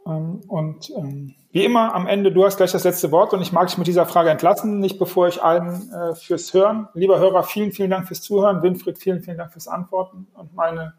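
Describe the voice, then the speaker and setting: A man's voice: sits high, fairly even intonation, a little fast, few pauses, a little mellow. A man hosting a podcast, asking thoughtful, searching questions and addressing the listeners directly. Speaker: podcast host. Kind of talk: podcast interview.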